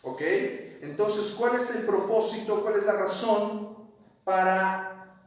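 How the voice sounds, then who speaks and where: A man's voice: high voice, steady tone, slow. A man teaching a Bible study class, asking questions and reading verses aloud. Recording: echoey room, mic at a distance.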